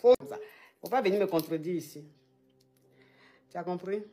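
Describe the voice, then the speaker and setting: A woman's voice: on the low side, moderate pace, dark tone, soft background music. A woman hosting an advice show, talking casually and teasingly with a caller and repeating her phrases. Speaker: advice show host, relationship coach.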